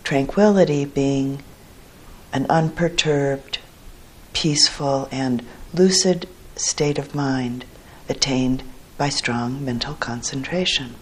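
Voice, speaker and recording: This is a woman guiding a meditation, her voice low and husky. She keeps a gentle, measured delivery, pausing between short phrases.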